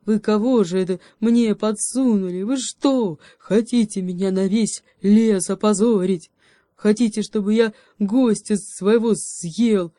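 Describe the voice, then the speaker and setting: A woman voicing a gruff, sleepy male bear who growls and complains. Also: low-pitched, slow pace, dark tone, no echo, clean studio sound. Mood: angry.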